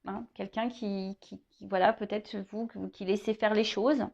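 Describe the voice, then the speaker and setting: A woman's voice: medium pitch, fairly even intonation, measured pace, a little mellow, lo-fi sound. A woman giving a casual tarot reading to her viewers, hesitant, restarting and repeating words, often tagging on little asides. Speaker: tarot card reader.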